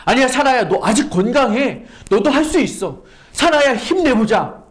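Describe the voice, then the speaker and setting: A woman's voice: on the high side, lively intonation, unhurried, pitched above the performer's own voice. A woman preacher voicing God as a firm, reassuring voice that insists in a sermon. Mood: encouraging. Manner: emphatic, insistent, encouraging. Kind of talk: sermon with acted quotes.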